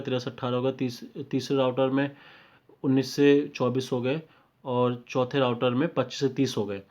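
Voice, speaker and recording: This technical trainer, a man with an Indian accent, explains a tutorial casually one step at a time, repeating himself, adding short confirmations and blending in English technical vocabulary. His voice is mid-range and a little mellow, recorded on a dull lo-fi microphone.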